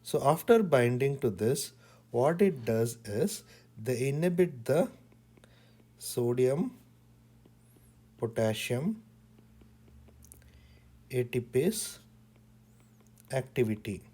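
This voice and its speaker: A man teaching pharmacology in a slow lecture, repeating key words in short, deliberate phrases. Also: medium pitch, expressive, mellow, husky.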